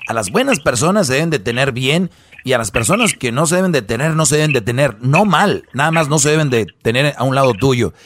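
Man hosting an advice show, mid-pitched voice. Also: lively intonation, brisk, fairly bright tone, slight background noise. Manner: opinionated, repeats points for emphasis, rhetorical questions. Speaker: radio advice show host. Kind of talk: conversational advice monologue.

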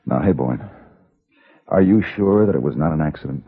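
An actor narrating and playing a cool, terse male gunman in an old radio western, measured and clipped. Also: rumbling low, expressive, vocal fry, husky, exaggerated voice. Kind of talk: 1950s radio drama narration and dialogue. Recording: muffled old radio with music.

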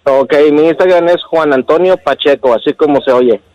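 A man calling into a radio show, chatting casually in a slow, cool street-slang drawl. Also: fairly high pitch, dry recording. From Victorville, California. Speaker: caller. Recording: tinny phone line over radio, faint music.

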